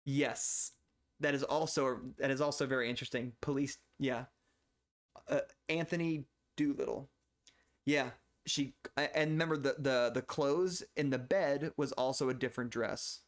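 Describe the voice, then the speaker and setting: A young man talks his way through a game as he streams it. He reads in-game letters aloud and rambles, often tripping over words and starting again. His voice sits at a middling pitch. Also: steady tone, normal speed. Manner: rambling, self-correcting, stumbles over words. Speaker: gameplay streamer. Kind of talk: casual let's-play commentary and reading game text aloud.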